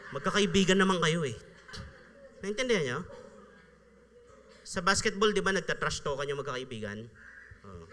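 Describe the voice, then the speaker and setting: Captured live in a church with long, trailing reverb, a man preaches in a fairly high, somewhat bright voice. As pastor, he keeps it conversational, laughing often and performing the voices of the people he quotes.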